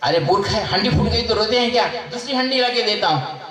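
An impatient, scornful grieving king fires off exasperated exclamations in a high, raised voice, as a man acts him out while telling a story. The sound comes from far off the mic and carries a long, roomy hall echo. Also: lively intonation, brisk, a crowd in the background.

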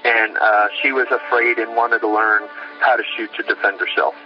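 A man's voice: on the low side, fairly even intonation, moderate pace, highs cut off, music in the background. A man who works as a firearms instructor, explaining things casually in a documentary interview.

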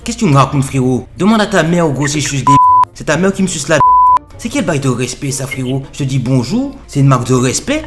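In a video-chat prank role-play, a young man plays a touchy, cocky young Guadeloupean with a thick accent, his medium-pitched, sing-song voice brisk and near his everyday tone over loud music. He acts offended, exaggerated and indignant, repeating "frérot" again and again.

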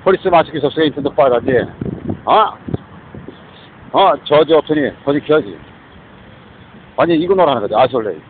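A man's voice: on the high side, animated, a little fast, long pauses. Rambling man on a tinny line. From South Korea. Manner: disjointed, repetitive ranting. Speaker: vlogger. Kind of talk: rambling spoken monologue. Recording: tinny phone-like recording with faint noise.

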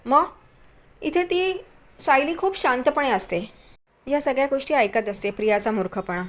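A woman's voice: high-pitched, normal speed. A woman narrating a recap of a TV serial episode in a chatty storytelling way, adding mocking asides about the characters.

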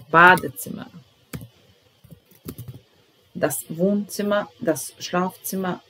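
A woman teaching vocabulary at a very slow, deliberate pace, repeating each word carefully. Her voice sits a bit low. Faint background noise with soft keyboard typing runs under her. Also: rough recording. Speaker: language teacher. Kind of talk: vocabulary lesson.

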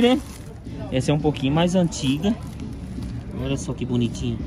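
A man, chatting upbeat to his phone camera and asking market sellers about prices. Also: medium pitch. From Brazil. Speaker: vlogger. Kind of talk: casual vlog and market haggling. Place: inside a parked car, then an outdoor street market. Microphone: phone camera held at arm's length. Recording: loud street noise behind.

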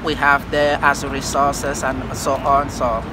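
A middle-aged man from Cameroon, a civil society leader, answering interview questions on a park bench, pausing often to search for words. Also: medium pitch, flat delivery. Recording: outdoor park with traffic noise.

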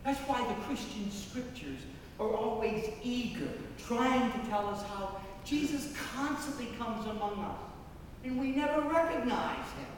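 A man preaching a parish mission sermon, telling stories with dramatic pauses and emphatic rises. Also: very high-pitched, expressive, a little hiss or hum. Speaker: priest leading a parish mission. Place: large church. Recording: echoey church from far off.

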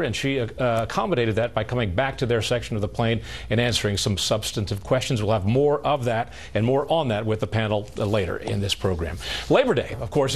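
American male news anchor. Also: medium pitch.

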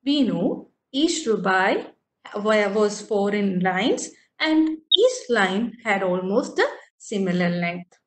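In an echoey room, a woman lecturer with an Indian English accent gives an online literature lecture on poetry. Her medium-pitched voice is slow with lively intonation, and she explains patiently, often checking that her students are following.

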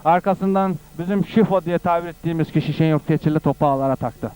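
A man commentates live on an amateur football match in a fairly high voice. He gets excited as he calls the play, exclaiming goals and repeating short phrases again and again. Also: fast talker, clear, resonant tone, poor audio.

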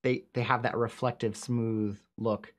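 A man's voice: medium pitch, flat delivery, a little slow. A man co-presenting a workshop, casually summarizing his colleague's points. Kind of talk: conversational clarification. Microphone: video call.

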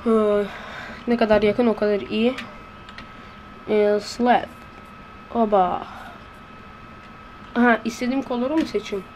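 A woman giving let's-play commentary in a hushed voice, blurting excitable reactions and slang while playing. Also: medium pitch, unhurried, pauses often, a little hiss or hum. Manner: talking in a hushed voice. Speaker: gameplay commentator. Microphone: close to a desk microphone.

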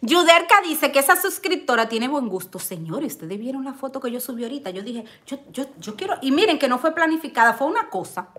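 Excitable woman live-streaming. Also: sits high, fairly quick, few pauses. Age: middle-aged. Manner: excitable, exclaims often, bursts into loud laughter. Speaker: vlogger hosting a live stream. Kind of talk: casual live-stream chat reading viewer comments.

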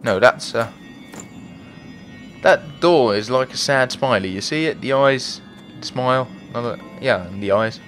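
Man, let's play commentary, chatty, self-deprecating, middle pitch, faint game music. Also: animated, measured pace, a bit bright. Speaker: gaming video host.

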